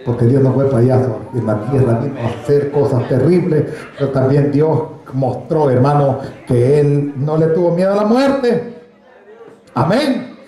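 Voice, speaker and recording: A man's voice: medium pitch, a little slow, mellow. A man preaching a sermon as pastor, joking and telling stories as he calls his listeners brother. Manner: jokey, storytelling preacher, addresses congregation as brother. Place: church. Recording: echoey church hall.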